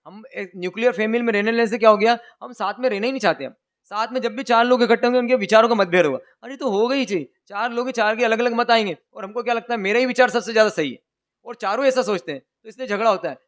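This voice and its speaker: A male preacher giving a sermon, telling lively stories, asking the audience questions and chanting vows in a rhythmic recitation. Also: high voice, quick pace. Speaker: religious preacher. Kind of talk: sermon with storytelling.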